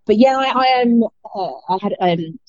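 A middle-aged woman with a South London accent, chatting casually as an interview guest in a halting, self-interrupting way over a muffled remote call. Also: medium pitch, expressive, darkish tone. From South London, England. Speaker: fitness instructor, interview guest.

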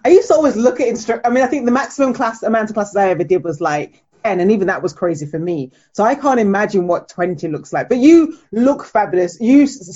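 British lady host doing a chatty interview, really encouraging, warm low-ish voice, bit muffled. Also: breathy edge. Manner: encouraging, effusive. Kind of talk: casual interview. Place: remote call from Birmingham. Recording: slightly dull call audio.

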